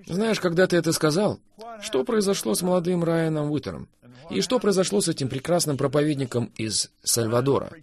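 In this preaching conversation, the man's lively-pitched voice is fervent and emphatic, alternating between loud outbursts and quiet, stretched-out phrases.

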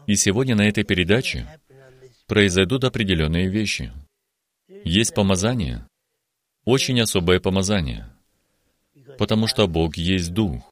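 Man in his eighties, very low voice, slow and earnest, religious testimony, TV studio guest. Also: animated. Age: 80s. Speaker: guest giving a healing testimony. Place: television studio.

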